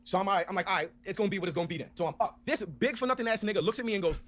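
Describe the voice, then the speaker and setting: A man's voice: sits high, racing. A man telling a story in a casual, profane rant, acting out each side of an argument. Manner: animated, profane, acts out both sides of an argument.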